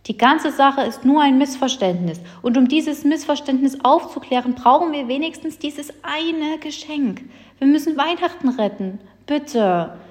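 A woman's voice: sits high, lively intonation, unhurried, voice pushed up. A woman voicing an earnest young male helper who pleads his case in a children's story reading. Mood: pleading. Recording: long hall reverb.

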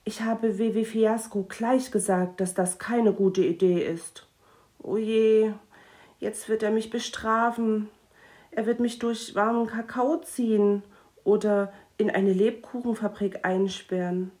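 A woman's voice: mid-range voice, takes it slowly, dark tone, natural voice. A woman voicing a small, timid male Christmas imp who speaks in an anxious, whimpering way. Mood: frightened.

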